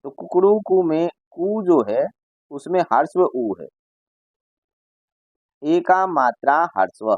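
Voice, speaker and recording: Slow, patient male Sanskrit teacher. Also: mid-range voice, darkish tone, dry recording, muffled recording. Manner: reads Sanskrit lines, then explains each in Hindi; addresses children directly and imitates bird calls. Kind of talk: explaining a school lesson.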